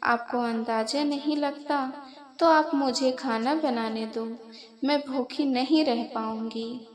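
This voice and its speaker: A woman's voice: high voice, slow pace, crowd noise. A woman doing a pleading young daughter-in-law. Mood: upset.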